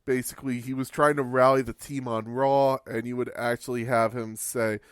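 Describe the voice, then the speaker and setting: A man's voice: medium pitch, fairly even intonation, normal speed, clean tone, no echo, clean studio sound. A man hosting a podcast, giving a casual, wry recap of old wrestling matches and swearing for laughs. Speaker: podcast host.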